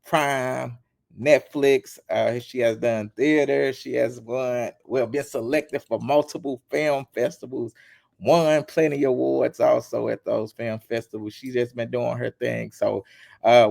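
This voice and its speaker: A man hosts an interview in an upbeat, casual way and hypes his guest with big introductions. His voice sits mid-range with a gravelly edge, recorded dry and close with no room sound. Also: medium pitch, darkish tone, no room sound. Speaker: interview host.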